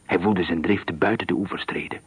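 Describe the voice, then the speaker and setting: Husky low-voiced man narrating a story. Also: fairly even intonation, no room sound. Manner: measured, deliberate storytelling. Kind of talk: scripted narration of a radio story.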